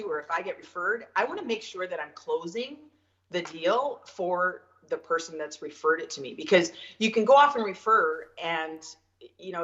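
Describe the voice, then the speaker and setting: A Canadian woman talks freely as an interview guest, chatty and quick to laugh, with plenty of fillers. Her voice sits very low for a woman, and the recording is a bit dull and lo-fi. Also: a bit bright. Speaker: guest realtor. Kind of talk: casual interview.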